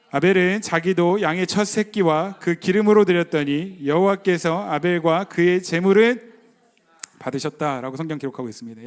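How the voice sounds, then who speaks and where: A male pastor delivering a Sunday sermon to his congregation, emphatic and full of rhetorical questions. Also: high voice. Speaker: pastor of a church plant.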